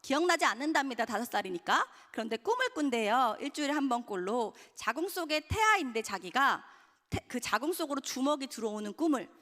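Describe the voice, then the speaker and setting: A woman's voice: high voice, big pitch swings, a little fast, a bit bright. A woman, an author, telling a story to an audience in an earnest way and speaking to them directly. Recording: hall with long reverb.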